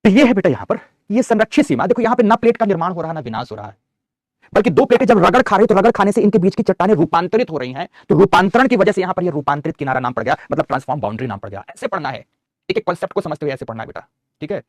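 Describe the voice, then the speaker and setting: A man's voice: high voice, big pitch swings, racing, no room sound, clean studio sound. A man teaching geography in an online class, dictating notes and coaxing and scolding his students. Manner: scolding and coaxing students, calls them beta.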